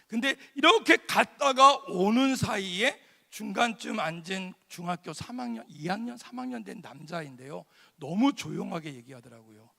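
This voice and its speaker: A male pastor preaching a lively sermon, telling stories, shouting some lines and quizzing the congregation. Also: high-pitched, normal speed, creaky. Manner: animated storytelling, shouting lines, asking the congregation. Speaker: guest pastor. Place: large church sanctuary. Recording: long church hall reverb.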